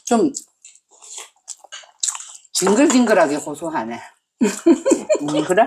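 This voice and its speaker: A woman's voice: mid-range voice, big pitch swings, rapid-fire, warm tone, slight background noise. A woman chatting casually over a meal, her mouth full as she chews, murmuring about the food. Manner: savoring the food, murmuring and commenting. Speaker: mukbang vlogger eating with her husband.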